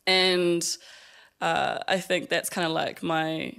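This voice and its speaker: A man's voice: fairly high pitch, fairly even intonation, slow pace, vocal fry, pushed and bright, clear, resonant tone. A young man from Fiji, talking reflectively as an artist guest in a casual interview, with many fillers and laughs.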